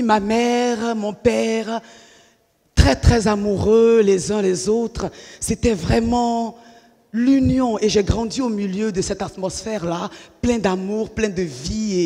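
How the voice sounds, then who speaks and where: Husky-voiced woman in a reverberant hall. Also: a little high. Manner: animated, acts out the voices of the people in her story. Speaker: speaker giving a personal testimony. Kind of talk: lively storytelling testimony to an audience.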